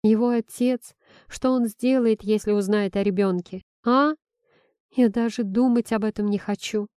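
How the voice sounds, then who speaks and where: A defensive young pregnant woman , voiced by a woman narrator, answering in clipped, sharp retorts. Her tone is mellow and warm despite the edge. The sound is dry and close to the mic. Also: medium pitch, measured pace, no echo, natural voice. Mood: frightened.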